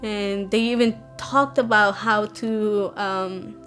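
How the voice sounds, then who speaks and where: A young woman from Guatemala with a Guatemalan accent, telling her own story in an earnest, measured way with fillers and restarts. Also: medium pitch, steady tone, fairly bright tone, soft background music. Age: young adult. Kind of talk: personal testimony.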